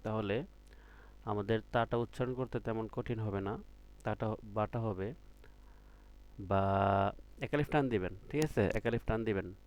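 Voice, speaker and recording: A man's voice: on the low side, a little mellow. A man teaching Arabic letters in an online Quran reading class, asking students questions and stretching out each letter sound. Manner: patient, drills with repeated questions to students; drawn-out letter sounds when demonstrating.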